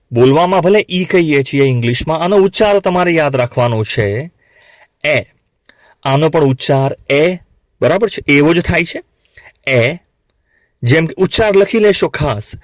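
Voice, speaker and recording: Male phonics teacher, from Gujarat, higher-pitched, drills learners through repetition, dry room. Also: no echo. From Gujarat, India. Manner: repeats sounds slowly and asks learners to say them back. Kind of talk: classroom lesson for beginners.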